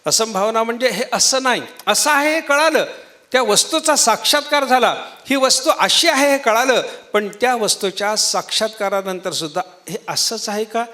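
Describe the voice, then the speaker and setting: A man's voice: extremely high pitch, normal speed, bright, forceful tone. An older man giving a devotional discourse in a hall, explaining patiently and putting questions to his listeners. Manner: explanatory, repeats questions to the audience, playful imitations. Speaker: spiritual lecturer. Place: lecture hall.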